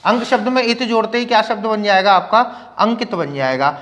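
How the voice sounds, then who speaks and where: A man's voice: high voice, animated, a little fast, fairly bright tone, long reverb tail. A man teaching a grammar lesson, asking his class questions and answering them himself, with "okay" after nearly every line. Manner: asks questions and answers them himself, repeats "ठीक है" constantly. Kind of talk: classroom lecture.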